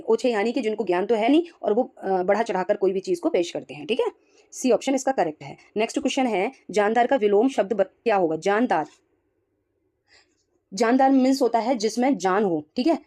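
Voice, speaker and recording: A woman's voice: fairly high pitch, dark tone. A woman teacher working through exam questions one by one and explaining each answer, often putting rhetorical questions to herself and confirming with "ठीक है.".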